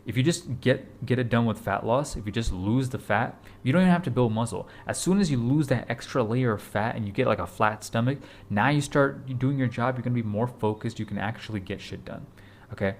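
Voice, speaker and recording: A man's voice: mid-range voice, fairly quick, a little mellow, slight background noise. A man in his twenties giving a casual motivational talk to camera, urgent and repetitive, blunt, with casual swearing. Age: 20s. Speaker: fitness vlogger.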